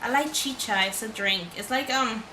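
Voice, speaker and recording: A woman from Venezuela chatting casually on a vlog, giggly and animated. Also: on the high side, normal speed, echoey room, a little hiss or hum, rough recording. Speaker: vlogger. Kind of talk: casual chat.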